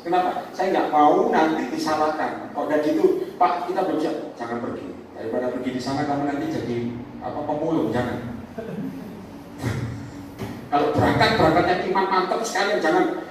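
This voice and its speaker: A male evangelist preaching a sermon, animated, swinging from loud calls to quiet asides and joking with the congregation. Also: a little fast, a little hiss or hum. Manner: animated, shifts from loud exhortation to low asides, jokes with the congregation. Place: large hall with audience. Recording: echoey hall from far off.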